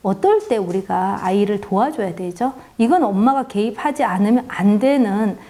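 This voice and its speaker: A woman and mother gives a reflective talk on raising children, speaking earnestly and confessionally and gently stressing the ends of her phrases. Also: medium pitch. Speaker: parenting educator and mother.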